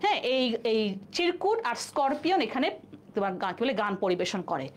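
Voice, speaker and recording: A woman's voice: high-pitched, sing-song, fairly quick. A woman teaching a live online exam-prep class, explaining step by step and asking and answering her own questions.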